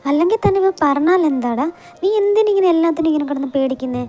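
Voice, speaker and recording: A woman's voice: sits high, expressive, mellow, dull audio, soft background music. A woman voicing a bossy but caring young friend who teases and reassures, in an amateur audio drama. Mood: brisk. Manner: brisk, teasing, reassuring.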